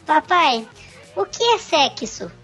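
A woman's voice: high voice, very animated, slow, fairly bright tone, soft background music, exaggerated voice. A woman doing timid little boy. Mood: pleading. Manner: whiny, pleading, hesitant. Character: timid curious little boy asking his parents.

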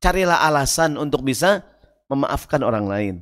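A man preaching a lively, humorous sermon, chanting Arabic verses and acting out little voices. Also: medium pitch, moderate pace. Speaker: Islamic preacher.

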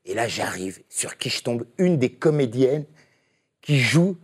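Rambling French voice actor telling stories. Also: male voice, medium pitch, sing-song, measured pace, breathy edge. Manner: rambling, full of hesitations. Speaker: voice actor guest. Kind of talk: casual anecdote telling.

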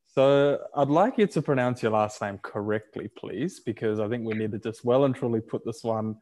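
Hosting a casual interview chat, a man poses long, meandering questions heavy with fillers. He speaks at a normal speed in a mid-range, slightly mellow voice.

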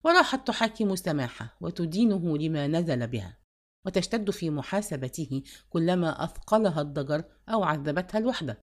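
A woman narrating a novel as an audiobook, measured and expressive. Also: sits low.

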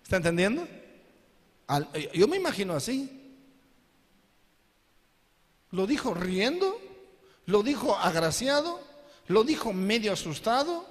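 High-voiced male pastor in a reverberant hall. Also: sing-song, measured pace, long pauses. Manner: asks the congregation questions again and again. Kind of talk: sermon.

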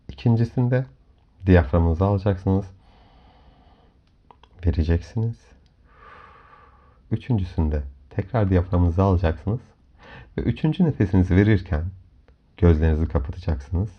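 A man hosting a guided hypnomeditation in a calm, soft, soothing voice, giving measured instructions with long pauses. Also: low voice. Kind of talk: slow guided meditation narration. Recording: dull lo-fi audio under music. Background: clear background music.

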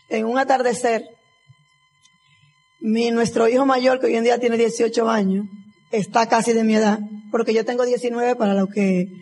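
A woman's voice: on the high side, darkish tone, slightly rough. A woman, giving a motivational testimonial as a convention speaker and acting out the dialogue of her story.

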